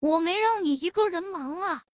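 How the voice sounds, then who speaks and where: A woman voicing a confident young male shop owner in an audiobook, speaking in a calm, assured way. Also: very high voice, moderate pace, no echo, voice pushed up. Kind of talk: audiobook reading. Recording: dull lo-fi recording.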